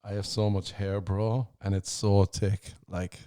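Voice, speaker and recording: A man's voice: on the low side, little pitch movement, unhurried, dark tone. A man hosting a comedy podcast in casual chat. He swears freely, laughs often and reads tweets aloud. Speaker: podcast host.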